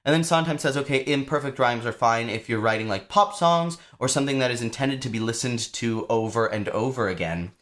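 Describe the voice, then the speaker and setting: A young adult man explaining songwriting to viewers in a chatty, lively way, with casual asides. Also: mid-range voice, a little fast, few pauses. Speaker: songwriting teacher.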